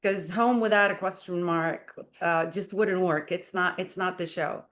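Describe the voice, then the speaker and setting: A woman's voice: lowish voice, fairly even intonation, unhurried, fairly bright tone. Earnest woman guest on talk radio. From Israel. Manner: earnest, uses many fillers like "like" and "you know". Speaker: guest, playwright and performer. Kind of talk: radio interview. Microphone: studio microphone.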